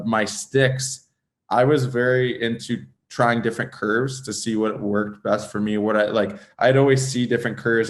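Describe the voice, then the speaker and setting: A man in his thirties from Southern California, a guest on a casual podcast interview, rambling and filling his speech with "like". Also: on the low side. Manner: rambling, fills speech with "like", restarts often. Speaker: guest, former pro hockey player.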